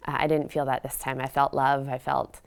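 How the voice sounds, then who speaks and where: A woman's voice: extremely low pitch, flat delivery, brisk, vocal fry, clean tone. A woman interviewee who is a runner, telling her story in an earnest, reflective way. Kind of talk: casual recollection in an interview.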